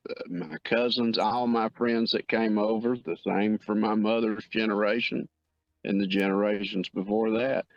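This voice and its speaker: A man interviewed outdoors about his family history, talking in a plain, unhurried storytelling way. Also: fairly low pitch, steady tone, no room sound. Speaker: interviewee, local resident. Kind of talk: casual recollection in interview. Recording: dull, dry field recording.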